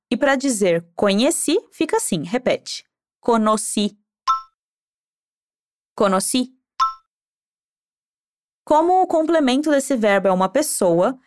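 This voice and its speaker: High, lively woman teaching Spanish. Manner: patient, modeling Spanish words slowly for the learner to repeat. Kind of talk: language lesson with repeat-after-me drills.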